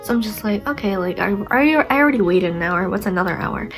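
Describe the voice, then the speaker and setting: Talking fast and expressively in a mid-range voice, a young adult woman vlogger with a stuffy nose rambles through a casual story, saying "like" often and making fun of herself. Faint music plays in the background.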